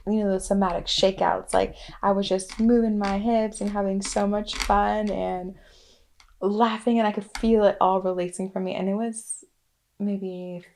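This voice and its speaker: A young woman telling a personal story in a casual, chatty way, full of "like" and "um", with soft asides. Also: medium pitch. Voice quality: creaky fry voice. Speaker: wellness vlogger.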